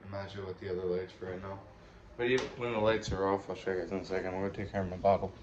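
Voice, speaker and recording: A man's voice: deep voice, steady tone, very fast, reverberant. A young man giving a casual room tour vlog, rambling with many fillers, filmed on a phone in a small bedroom. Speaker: vlogger. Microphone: phone camera. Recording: dull lo-fi phone audio with faint hiss.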